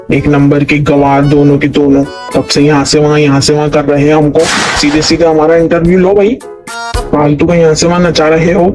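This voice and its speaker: A man's voice: a little high, lightly acted. A man voicing a short-tempered male job applicant in a cartoon, scolding in an indignant rant. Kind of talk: cartoon dialogue. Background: music.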